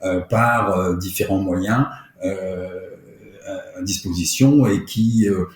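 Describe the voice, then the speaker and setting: A man's voice: low-pitched, takes it slowly, heavy reverb. A man from France, a doctor, explaining his work in an interview, with many fillers and restarts. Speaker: doctor, podcast guest.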